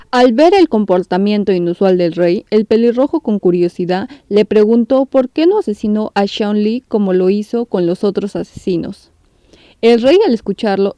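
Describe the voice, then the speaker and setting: A woman tells a manga story as a steady scripted recap. Her voice is mellow and warm. The recording is close and dry, with no room sound. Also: medium pitch, no echo. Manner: steady, even storytelling read. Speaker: narrator of a manga recap channel.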